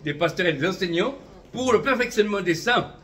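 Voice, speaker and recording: With a high-pitched, expressive, a bit bright voice, a man in his fifties talks a little fast. He's an itinerant prophetic minister from Vietnam giving a fervent religious testimony, peppering his words with "amen" and "voilà" and light chuckles.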